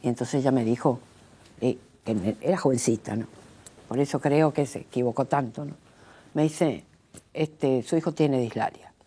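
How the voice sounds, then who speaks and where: An older woman from Corrientes with a Correntino Argentine accent, a singer telling animated anecdotes in an interview and acting out the dialogue. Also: rumbling low, moderate pace, pauses often, husky. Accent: Correntino Argentine Spanish. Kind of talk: conversational interview storytelling.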